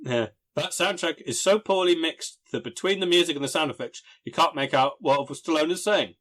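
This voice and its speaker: A man's voice: a little high, normal speed, a bit bright. A man hosting a casual podcast, reading out film reviews and adding emphatic, amused asides. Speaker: podcast host.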